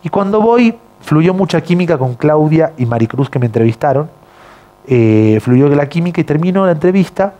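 A man with an accent mixing Argentine and Bolivian Spanish, a TV news presenter telling stories as a guest in a casual interview, animated and acting out the voices of the people in his stories. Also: fairly high pitch, moderate pace. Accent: mixed Argentine and Bolivian Spanish. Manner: animated, acts out quoted voices.

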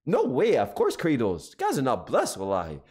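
A man's voice: mid-range voice, moderate pace, a little hiss or hum. A young man streaming live, chatting casually with his viewers and repeating himself as he reacts. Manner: animated, talks to chat, repeats himself.

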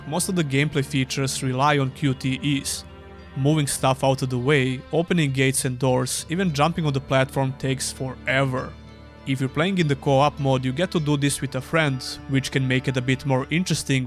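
A man's voice: mid-range voice, fairly even intonation, moderate pace, faint music behind. A young man giving a scripted, dryly sarcastic voice-over review of an old game. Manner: dry, sarcastic. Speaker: gaming YouTuber.

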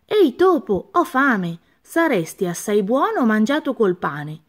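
A woman voicing a big male forest monster in a storybook reading, slow-witted and easily amazed. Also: a little high, sing-song. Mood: astonished.

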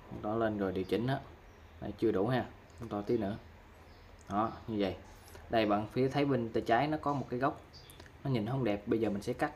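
A man giving a patient step-by-step app tutorial, filling pauses with short fillers. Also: mid-range voice, slight background noise. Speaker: tutorial vlogger. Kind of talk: casual screen-recorded app tutorial.

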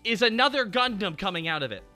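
A man streaming as a VTuber, chatting casually, excitable, swearing and laughing a lot as he shows clips to friends. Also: sits high, fast, over loud music.

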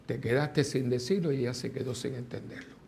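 A man's voice: medium pitch, a little fast, vocal fry, slight background noise. An older man, a parish priest, preaching a sermon, telling stories and then exhorting the congregation. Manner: animated, rising to forceful exhortation. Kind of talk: sermon with storytelling. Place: church.

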